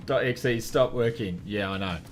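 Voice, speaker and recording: An Australian man chatting casually on a live flight sim stream, self-mocking and laughing often. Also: mid-range voice.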